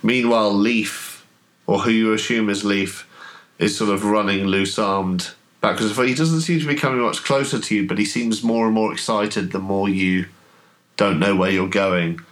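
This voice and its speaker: Man, very low voice, game master narration, descriptive, laughing between lines. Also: normal speed. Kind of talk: narrating a tabletop horror game.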